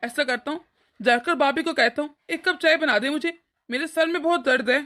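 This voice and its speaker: A woman's voice: high-pitched, normal speed, sharp tone. A woman voicing an irritable elder son in a cartoon story, complaining and arguing. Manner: complaining, argumentative.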